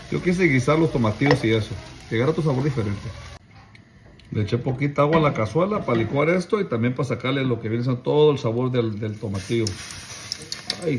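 A man's voice: medium pitch, noisy background. A man, casually vlogging his family day and narrating his cooking, playful and tender with his baby.

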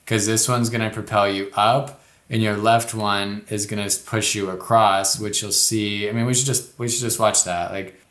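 A man's voice: lowish voice, fairly even intonation, normal speed, fairly bright tone, roomy sound. A man casually breaking down climbing footage as co-host, talking in a loose, rambling way with many restarts.

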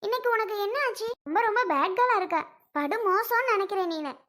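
A woman's voice: very high voice, lively intonation, quick pace, fairly bright tone. Woman playing a fussy, nagging young aunt. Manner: nagging, then soothing and apologetic. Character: young wife, fussy aunt scolding a little girl.

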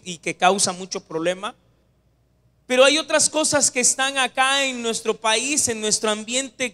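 A male pastor delivers a lively Sunday sermon. His voice sits high for a man, and he keeps turning to the congregation as brothers and sisters. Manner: animated, addresses listeners as brothers.

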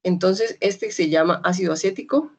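A young adult woman with a Colombian accent from Medellín, teaching an online chemistry class in a chatty way. She keeps checking in with her students and slowly repeats key terms. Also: lowish voice, husky. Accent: Colombian Spanish, Medellín.

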